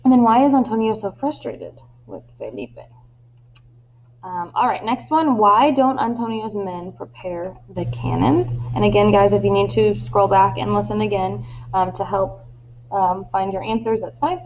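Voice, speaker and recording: Woman teacher, unhurried and patient, reading a story for class; phone-like, lo-fi audio. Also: medium pitch, animated. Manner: slow, patient explaining with fillers. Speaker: Spanish teacher. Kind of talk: recorded classroom lesson reading. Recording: tinny phone-like line with faint hum.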